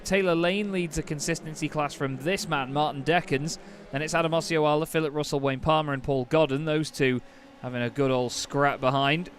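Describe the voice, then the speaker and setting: Male motorsport commentator, lead caller for sim racing, slightly higher voice, car engines faintly behind. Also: slight background noise. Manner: motorsport commentator delivery, rising to excited calls.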